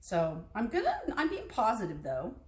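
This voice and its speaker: In an echoey home kitchen with clinking dishes, a woman taste-tests recipes for a casual vlog. Her medium-pitched voice swings hugely in pitch at a moderate pace, and she's chatty and frank, with hesitant asides.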